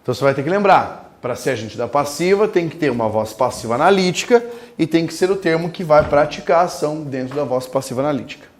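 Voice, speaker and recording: A man teaching a grammar lesson, emphatic and drawing out terms slowly as he dictates. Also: fairly high pitch, animated. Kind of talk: recorded classroom lecture.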